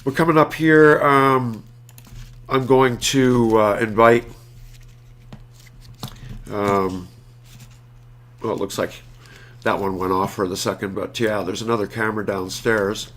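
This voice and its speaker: A man's voice: fairly low pitch, fairly even intonation, slow pace, pauses often, fairly bright tone. A man hosting a casual live synth show, talking in a rambling, laid-back way with many fillers and restarts. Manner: laid-back, a little profane.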